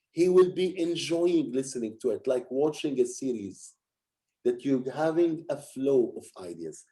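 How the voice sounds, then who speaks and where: A young man coaching an audience on presentation skills, his voice mellow and warm. He speaks with emphatic energy and often repeats words as he works through a point. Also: mid-range voice. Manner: animated, emphatic, repeats words while explaining. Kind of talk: teaching talk on presenting.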